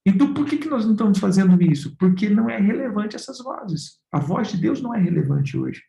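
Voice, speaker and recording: A man's voice: high-pitched, animated, fairly quick, gravelly, mellow, echoey room, poor audio. A man with a Brazilian Portuguese accent preaching a sermon, firing off rhetorical questions and calling his listeners brothers and dear ones. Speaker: pastor.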